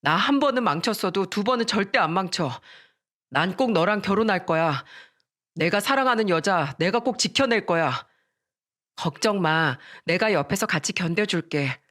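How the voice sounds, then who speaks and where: A woman's voice: mid-range voice, expressive, moderate pace, fairly bright tone. Earnest young guy, firm and sincere, woman reading him, story radio. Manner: earnest, resolute. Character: earnest young man, a doctor-to-be groom.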